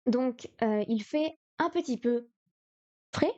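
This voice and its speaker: Woman, fairly high voice, mellow tone, dry close sound, live-stream study session, hesitant thinking aloud. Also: slow, no echo, highs cut off. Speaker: streamer learning Chinese.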